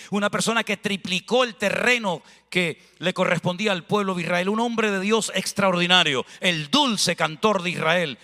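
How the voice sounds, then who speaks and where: A man preaches a lively, anecdote-filled sermon, his voice high-pitched and bright. He speaks into a handheld microphone in a church. The hall around him rings with a long reverb. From Spain. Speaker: pastor.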